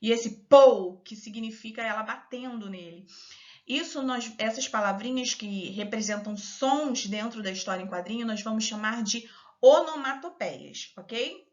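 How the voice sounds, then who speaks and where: A Brazilian woman teacher giving a recorded lesson to young children, patiently spelling out syllables slowly and clearly. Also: on the high side. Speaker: primary school teacher. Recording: dull lo-fi audio.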